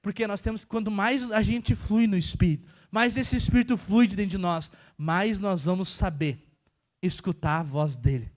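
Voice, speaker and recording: A young man from preaching a casual sermon, telling a personal story and swinging between hushed and emphatic delivery. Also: high voice, normal speed, few pauses. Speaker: church worker preaching.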